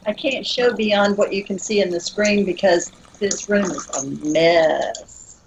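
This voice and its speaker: A woman's voice: medium pitch, a little slow, a little hiss or hum, poor audio. A woman in her sixties chatting casually on a live stream over a video call, giving brief, easygoing replies. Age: 60s. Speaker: stream guest. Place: home room, indoors.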